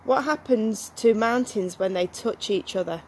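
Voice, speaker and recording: A middle-aged woman with a slightly mellow, mid-range voice reads one-liners aloud at a measured pace in her small back garden. The recording is rough, with faint outdoor noise behind her.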